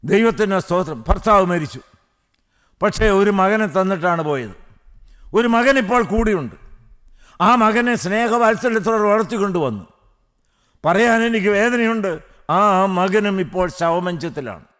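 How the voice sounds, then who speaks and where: A man preaching a fervent sermon, swinging between hushed prayer and loud cries with repeated hallelujahs. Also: high voice, lively intonation, moderate pace, long pauses.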